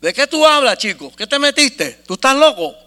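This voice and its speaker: A man voicing his excited, boisterous male musician friend, loud and brash. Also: very high-pitched, moderate pace, creaky, pitched above the performer's own voice, heavily acted. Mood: excited, pushy.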